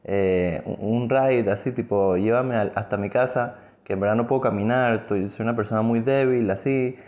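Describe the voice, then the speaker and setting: A man's voice: fairly low pitch, normal speed, highs cut off, natural voice. A man playing a weak, pleading poor old man. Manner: pleading, then indignant and loud.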